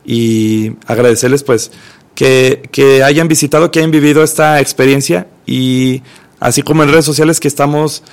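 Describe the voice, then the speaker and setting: A man with a rough, gravelly edge to his voice. He talks in casual chat, circling back and repeating words as he gathers his thoughts. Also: mid-range voice, steady tone, normal speed. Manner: rambling, repeats words while thinking. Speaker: cultural event organizer guest.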